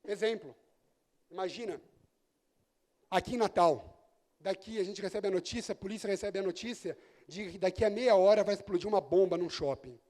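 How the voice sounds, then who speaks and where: Brazilian guy lecturing law at a conference, really high voice for a man, jokey, keeps asking the crowd questions. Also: normal speed. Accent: Brazilian Portuguese. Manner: lively, rhetorical questions to the audience, jokey anecdotes.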